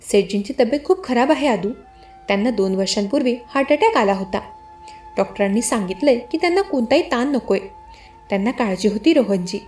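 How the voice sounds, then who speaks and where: A woman voicing a patient young wife and elder sister in a spoken story, who speaks softly and quietly. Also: fairly high pitch, lively intonation, a little fast, soft background music, close to an everyday voice. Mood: sad. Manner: soft, hushed.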